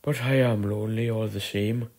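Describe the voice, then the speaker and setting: A man's voice: on the low side, unhurried. A man voicing a lonely, earnest old male narrow-gauge engine in a storybook reading, telling his stories in a chatty, proud way. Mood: wistful. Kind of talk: storybook character voice.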